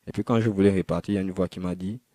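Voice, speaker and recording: A man recounts his personal testimony in a quiet, halting manner, circling back and restarting his sentences. His voice sits low and dark with little rise or fall. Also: fairly even intonation, no echo. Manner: halting, repetitive retelling with many restarts. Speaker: man giving a conversion testimony.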